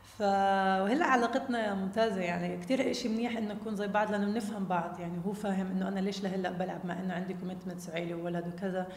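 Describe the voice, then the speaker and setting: Rapid-fire Jordanian woman in an echoey room. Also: mid-range voice, steady tone. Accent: Jordanian Arabic. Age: young adult. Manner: mixes English words into Arabic. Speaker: interview guest, basketball player. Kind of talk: casual conversational storytelling. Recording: echoey room, long reverb, faint background noise.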